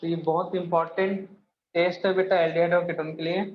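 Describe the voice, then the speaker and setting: A man's voice: on the high side, little pitch movement, a little fast. Echoey chemistry teacher quizzing his class. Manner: quizzes students, calls them beta. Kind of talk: classroom lecture. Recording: echoey room, muffled, faint hiss.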